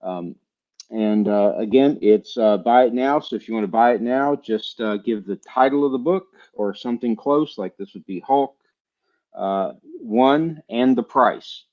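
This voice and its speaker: A man from Texas hosting a live comic book sale stream, talking in a relaxed, chatty way with many fillers. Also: medium pitch, unhurried, dull audio. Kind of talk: casual live-stream sales chat.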